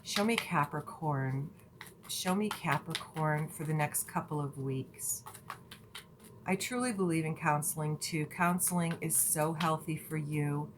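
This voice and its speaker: A woman's voice: deep voice, a little slow, noisy background. A woman tarot reader talking to her viewers in a chatty, earnest way, with many fillers and restarts. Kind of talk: casual spiritual reading.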